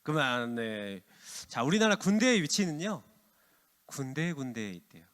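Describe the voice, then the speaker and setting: A middle-aged man preaching to teenagers as youth pastor, lively and calling them by name. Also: medium pitch, unhurried. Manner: lively, addresses teens by name. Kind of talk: youth sermon with quiz. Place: church hall. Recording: long hall reverb.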